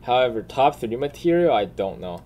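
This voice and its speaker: In his medium-pitched, darkish voice, this man swings widely in pitch at a normal speed while giving casual, profanity-laced reactions for his gaming videos. The recording has faint background noise and the clatter of keyboard typing and clicks.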